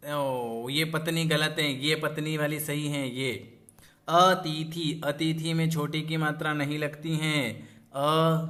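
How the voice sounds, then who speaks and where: A man teaching an exam prep lesson, repeating words and spelling them out slowly. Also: a little high, fairly bright tone.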